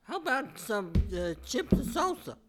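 A man co-hosting a casual podcast, speaking haltingly with dry quips. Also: very high voice, very animated, over loud music. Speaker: podcast co-host. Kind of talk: casual chat.

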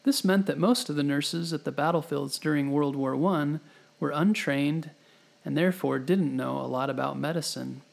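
A man narrating a scripted history story for children, gently and clearly explaining as he speaks to the listener, as a storytelling host. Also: fairly high pitch, moderate pace. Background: background music.

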